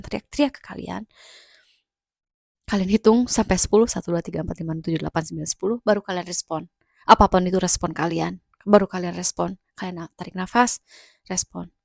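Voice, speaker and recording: A young woman gives chatty, emphatic advice, repeating her points for weight. Her voice carries a steady creaky fry, and the recording is close and dry with no room sound. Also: medium pitch, no echo. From Indonesia. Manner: repetitive, emphatic, conversational. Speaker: vlogger giving advice. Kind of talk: casual advice vlog.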